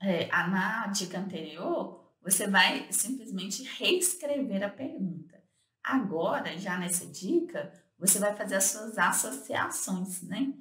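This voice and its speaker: A woman co-host talks through study tips in a relaxed, explanatory way, her voice rising and falling with a lot of movement. She leans on little fillers as she goes. The sound rings a bit in an echoey room. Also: medium pitch, measured pace, a little hiss or hum. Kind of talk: casual instructional talk.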